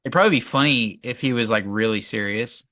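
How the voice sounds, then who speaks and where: Laid-back podcast dude, bright tone, agrees a lot and chuckles, dry mic. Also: male voice, medium pitch, quick pace, dry recording. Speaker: podcast co-host. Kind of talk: casual reaction chat.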